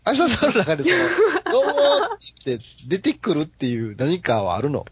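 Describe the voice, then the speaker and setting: A man with a Kansai accent in casual podcast chat, animated and teasing. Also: fairly high pitch, fairly quick, husky, no echo. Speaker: podcast co-host. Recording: dull lo-fi podcast audio.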